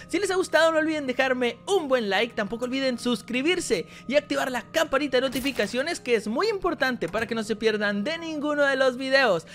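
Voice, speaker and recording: A man giving energetic gameplay commentary, talking straight to his viewers. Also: extremely high pitch. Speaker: gaming YouTuber.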